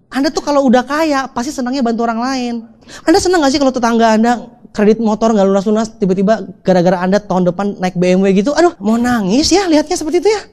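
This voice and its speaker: A man giving an animated motivational seminar talk, joking with the audience and acting out little dialogues in changing voices. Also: extremely high pitch. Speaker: motivational speaker.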